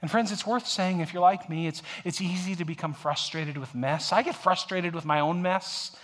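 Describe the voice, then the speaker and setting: A man in his forties from the United States preaching a conversational sermon, moving from emphatic peaks to soft, hushed storytelling. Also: high voice, moderate pace. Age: 40s. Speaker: pastor.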